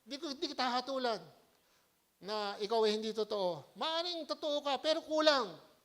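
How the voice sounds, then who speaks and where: A male pastor preaching a lively sermon in church, often checking his listeners with a rhetorical "Hello?" and swinging between loud exhortation and quiet asides. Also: very high voice, moderate pace. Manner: animated, keeps asking the congregation "Hello?".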